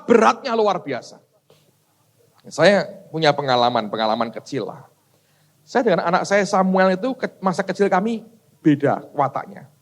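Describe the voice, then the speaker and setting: Animated middle-aged pastor preaching. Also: male voice, high voice. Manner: addresses the congregation as "saudara", animated storytelling. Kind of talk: sermon with personal stories.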